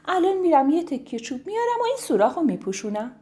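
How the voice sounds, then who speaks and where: A woman voicing a chirpy, greedy female woodpecker in a children's story, with high excited exclamations. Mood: apologetic.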